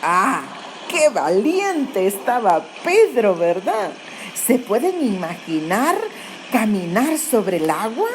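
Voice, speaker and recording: A woman teaching a Bible lesson to children, telling the story with animated questions to the kids. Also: medium pitch, slow, slight background noise.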